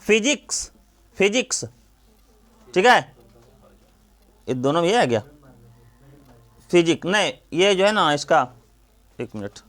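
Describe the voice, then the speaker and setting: A man's voice: sits high, very animated, slow pace, pauses often, a bit bright. A male coaching teacher giving a classroom grammar lesson, drilling students with repeated questions and then answering them himself.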